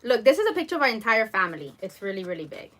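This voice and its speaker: A woman's voice: medium pitch, big pitch swings, very fast, fairly bright tone. A young woman co-hosting a live lunch stream, bubbly and talking straight to her viewers between bites. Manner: bubbly, addresses viewers directly. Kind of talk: casual chat while eating. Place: at home over lunch.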